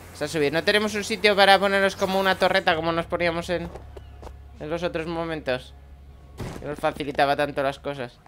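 A man's voice: fairly high pitch, fairly even intonation, fast talker, fairly bright tone, slight background noise. A man commenting on his gameplay playfully, voicing little sound effects as he plays. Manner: playful, makes sound effects while playing. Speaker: let's play host. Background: game music.

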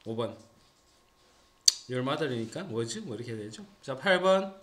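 A man's voice: medium pitch, lively intonation, slow, fairly bright tone. A man with a Gyeongsang accent teaching a grammar lesson to a small class, quizzing students and teasing them as he goes. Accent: Gyeongsang Korean. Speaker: English teacher. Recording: roomy classroom echo.

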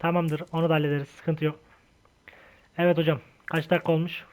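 A young man giving casual, slangy gameplay commentary, shouting taunts and swearing during fights. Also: fairly high pitch, flat delivery, quick pace, clean tone. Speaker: gaming channel host.

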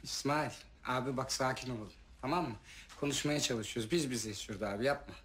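An actor playing an anxious sailor who keeps begging his crewmates to calm down. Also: mid-range voice, fast, a little hiss or hum, natural voice. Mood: pleading. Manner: pleading, urging calm, bursts of shouting. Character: anxious peacemaking sailor, pleading then yelling. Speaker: crewmate trying to keep peace.

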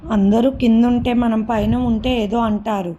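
A woman's voice: on the high side, steady tone, normal speed, warm tone, highs cut off, a little hiss or hum, lightly acted. A woman voicing a teasing, playful young bride-to-be in a storybook reading. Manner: sassy and teasing.

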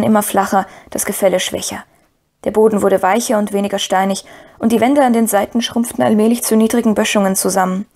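A woman narrating a fantasy audiobook in a steady, even storytelling manner. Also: mid-range voice. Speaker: audiobook reader. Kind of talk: scripted narration.

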